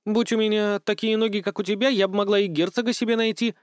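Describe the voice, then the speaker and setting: A man's voice: high-pitched, level tone, fast talker, smooth, no room sound, clean studio sound, pitched above the performer's own voice, close to an everyday voice. Male narrator as a frank, simple young woman, lifted voice. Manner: artless, frank.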